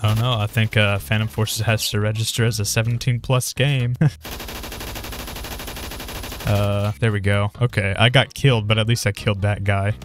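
Guy going hoarse while chatting over a shooter game, kinda low voice, yells when something surprises him. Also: level tone, normal speed, background noise. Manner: rambling, reacts loudly to in-game surprises. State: strained, losing his voice. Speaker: gaming video creator. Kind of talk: casual gameplay commentary.

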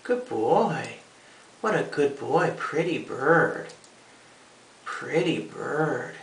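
A man's voice: fairly high pitch, vocal fry, fairly bright tone. A man training his pet bird, repeating short praise phrases in a coaxing way, recorded in a small bathroom. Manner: repetitive, slowly spaced coaxing phrases. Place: small indoor bathroom at a sink. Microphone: camera a short distance away. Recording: roomy echo, distant mic, faint hiss.

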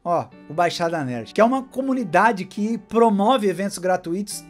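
A man, giving a heartfelt, animated year-end thank-you to camera from a home studio. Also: high voice, normal speed, faint music behind. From Brazil. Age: 40s. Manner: warm, gesturing animatedly, emotional. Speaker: tech YouTuber. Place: home studio with gaming chair and collectibles.

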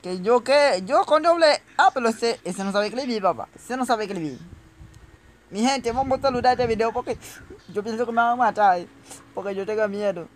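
A man's voice: very high-pitched, animated, normal speed, a little hiss or hum. A man giving comedic gameplay commentary, talking straight to his viewers and breaking into panicked shrieks. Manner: chatty, addresses viewers directly. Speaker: gaming youtuber.

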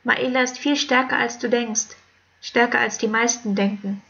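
A woman's voice: fairly high pitch, steady tone, normal speed, creaky, a bit bright, dull audio. A woman voicing a small, cheerful male snowman who speaks in a reassuring, upbeat way.

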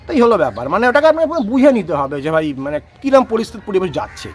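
Fast, high-pitched man teaching. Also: huge pitch swings, slightly rough. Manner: explanatory, repeats "ঠিক আছে?" to check understanding. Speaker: rose gardening expert. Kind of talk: casual outdoor demonstration.

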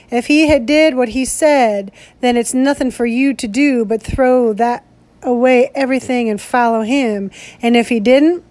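A woman reading aloud, voicing a cold, brooding male convict who talks in a low, flat way. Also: no room sound, lightly acted. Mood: bitter.

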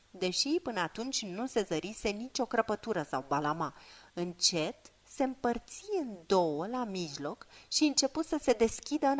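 Woman reading a fantasy audiobook. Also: a little high. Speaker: audiobook narrator.

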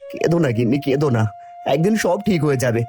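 A man's voice: on the high side, sing-song, fast talker, dark tone, faint music behind. A man voicing a caring, worried poor village father in a cartoon, anxious and tender. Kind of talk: cartoon voice acting.

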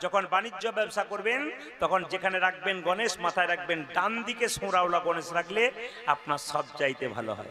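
A man's voice: sits high, animated, moderate pace. A man performing devotional storytelling to a live audience, talking directly to them and posing rhetorical questions. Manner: direct, instructs the crowd, asks rhetorical questions. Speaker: kirtan singer and storyteller. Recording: live crowd behind.

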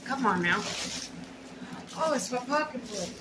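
In a small, plain room at home, a middle-aged haul vlogger unboxes her purchases for the camera, chatting casually in short, rambling bursts. Her voice sits fairly high and is expressive and unhurried, and the home recording is noisy and echoey.

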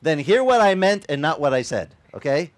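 Speaking at a normal pace with a fairly high pitch, a middle-aged pastor whose native tongue is Italian delivers an outdoor beach sermon via headset mic. He keeps it lively and chatty, tossing in plenty of jokes.

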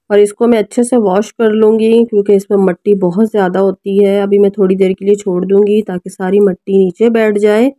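Narrating a casual cooking and family vlog from her home kitchen and family room, a mother with a Pakistani Urdu accent chats away and keeps asking viewers for their help. Her voice sits at medium pitch with a dark tone, and there is no room sound.

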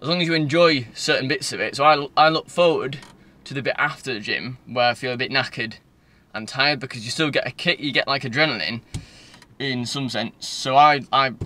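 A Northern English man in his twenties, his voice sharp and medium in pitch, chats loosely and digressively for a vlog. He records on a phone at arm's length inside a car, where faint background noise can be heard.

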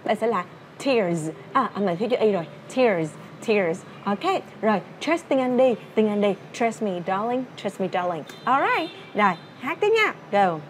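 A woman's voice: medium pitch, lively intonation, moderate pace, slight background noise. A young woman with a Vietnamese accent teaching English through a song, explaining words and drilling pronunciation.

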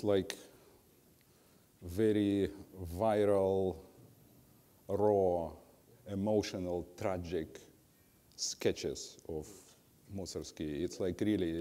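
A man leads a piano master class in a slow, unhurried way, humming rhythms as nonsense syllables and making blunt, dry remarks. His voice is mellow and dark, and it carries a long reverb through the hall, with faint piano in the background. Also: sits low. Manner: scats rhythms with syllables while coaching; blunt, drily humorous corrections. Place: music school teaching hall.

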